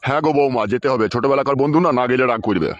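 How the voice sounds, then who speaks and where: A man's voice: mid-range voice, rapid-fire, dry recording, dull audio, natural voice. A man doing a foul-mouthed cartoon father. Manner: crude, bossy, scolding. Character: gruff older father, foul-mouthed and bossy. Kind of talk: comic cartoon dubbing.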